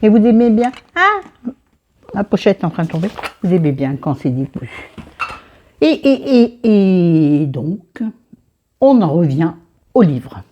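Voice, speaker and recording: A woman with a low voice and a southern French accent, chatting about a book while doing her makeup at her dressing table at home. She rambles, loses her thread and talks to herself. The sound is a little muffled, like a simple home recording. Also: sing-song, unhurried, pauses often, slight background noise. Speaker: book vlogger. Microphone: camera facing her mirror.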